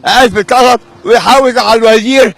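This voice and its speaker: A man with an Egyptian Arabic accent ranting loudly in a comic street interview, shouting and mock-wailing and dropping in English phrases. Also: very high voice, fast talker, vocal fry, no room sound.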